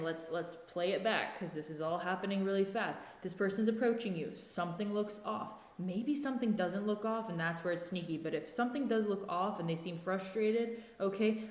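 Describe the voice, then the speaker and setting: A woman's voice: mid-range voice, darkish tone, roomy sound, big-room sound. A woman hosting a self-help podcast, talking directly to listeners and coaching them, often checking in with "right?" and "okay?". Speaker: podcast host.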